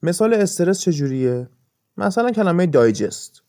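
Guy teaching on his podcast, kinda high but warm voice, walks through examples slow and patient. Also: big pitch swings. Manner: patient, explains step by step with examples. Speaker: podcast host and English teacher. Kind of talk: explanatory podcast lesson.

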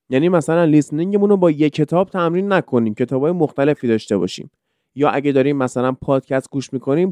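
A man's voice: mid-range voice, mellow, smooth, no room sound, studio quality. A man hosting a casual podcast lesson, explaining with many examples and rhetorical questions. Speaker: podcast host teaching English.

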